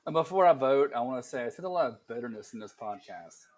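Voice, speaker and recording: A man's voice: medium pitch, animated, fast talker, darkish tone. A man co-hosting a casual podcast, wry and self-deprecating, hesitating with many ums. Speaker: podcast co-host.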